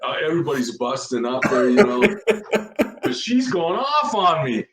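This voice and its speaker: A retired police officer telling stories in casual chat, animated and laughing often. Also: male voice, normal speed, far from the mic, over a noisy crowd. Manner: animated, laughing, jumps high in pitch when quoting others. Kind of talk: casual storytelling. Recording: roomy echo.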